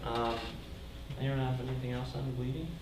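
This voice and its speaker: A man's voice: mid-range voice, level tone, normal speed. A man instructing a first-aid class as a firefighter, explaining informally as he demonstrates hands-on. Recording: echoey room, distant mic, faint noise.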